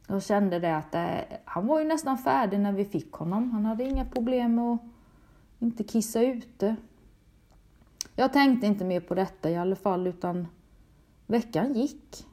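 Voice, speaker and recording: A middle-aged woman from Sweden telling a painful personal story in a halting, emotional way, often repeating her words. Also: medium pitch, mellow. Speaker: storyteller recounting a personal experience. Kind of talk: personal testimony.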